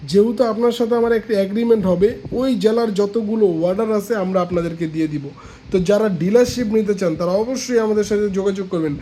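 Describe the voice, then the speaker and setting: A man with a high, mellow voice gives a casual, persuasive sales pitch and keeps circling back to his main points. He points out products as he talks. A faint hiss of background noise sits under his voice. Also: low-quality recording. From Bangladesh. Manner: persuasive, repeats points, shows products while talking. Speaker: seller pitching a pigeon feed dealership.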